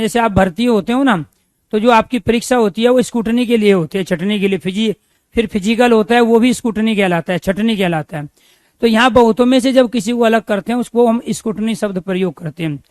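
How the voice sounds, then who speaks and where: A man's voice: high-pitched, dry recording. A man teaching a grammar lesson, repeating key phrases and asking questions he then answers himself.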